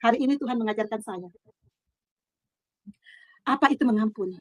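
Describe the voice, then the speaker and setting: A middle-aged woman giving an earnest personal testimony in her own room, halting and restarting, swinging between soft and loud. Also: on the high side, no echo. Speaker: testimony speaker.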